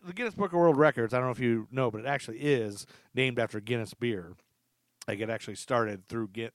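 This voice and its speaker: A podcast host with a mid-range voice and no room sound tells stories in a casual, comic way, chatty and amused, repeating facts to drive them home.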